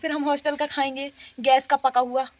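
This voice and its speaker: Chatty high-voiced young woman vlogging. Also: little pitch movement, brisk. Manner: chatty, playful, laughs often. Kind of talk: casual daily vlog. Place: outdoors at home and by a road.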